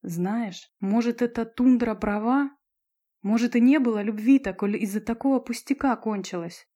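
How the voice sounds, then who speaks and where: A woman voicing a sharp-tongued, jealous teenage schoolgirl with a cutting, mocking manner. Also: a little high, moderate pace, close to an everyday voice. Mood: troubled.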